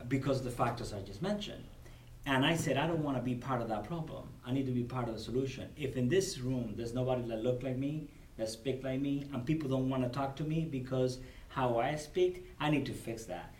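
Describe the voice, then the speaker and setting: Speaking brisk and earnest in a mid-range, darkish voice, a man from Cuba, a native Spanish speaker with a Cuban Spanish accent, guests on a podcast at a convention. He is a corporate supplier diversity director who often repeats words while organizing his thoughts. The audio is roomy, from a distant mic, with faint noise.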